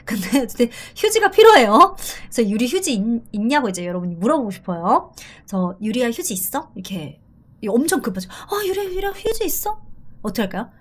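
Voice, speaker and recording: Lively high-voiced woman teaching a lesson. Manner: lively, repeats phrases slowly for drills. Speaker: language teacher. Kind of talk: online language lesson.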